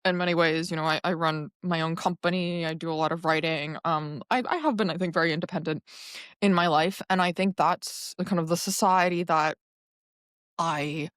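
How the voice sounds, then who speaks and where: A woman poet from New York talks through her ideas in an interview, pausing to find the right words as she goes. Her voice sits somewhat low for a woman. The sound is close and dry, with no room around it. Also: steady tone, a bit bright, clear, resonant tone, dry recording. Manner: thoughtful, searching for words. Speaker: poet and guest. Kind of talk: interview conversation.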